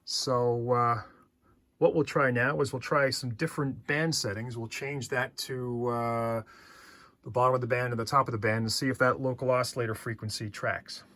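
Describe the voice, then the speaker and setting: This man, an electronics hobbyist, thinks aloud as he methodically works through each step of a practical technical demonstration. His voice is mid-range, his pace moderate, and there is no echo, though steady background noise persists.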